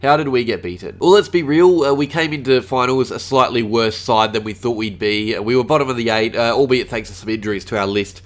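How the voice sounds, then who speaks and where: A man's voice: medium pitch, fairly quick, few pauses. An Australian man with a slight cold, hosting his fan channel's solo review of a football game, with frequent "uh" fillers. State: a little sick. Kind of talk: solo sports review vlog.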